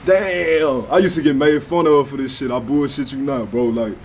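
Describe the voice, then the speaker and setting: Brash young St. rapper talking. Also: male voice, medium pitch, a little fast, darkish tone, a little hiss or hum. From St. Louis, USA. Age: 20s. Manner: brash, profane, slangy. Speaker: rapper, interview guest. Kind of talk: casual sit-down interview talk.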